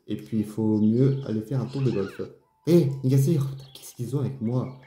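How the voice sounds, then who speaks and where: A man's voice: mid-range voice, a little fast, warm tone. A man hosting a let's play, thinking aloud in casual gameplay commentary with hesitant restarts. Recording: roomy echo, faint game music.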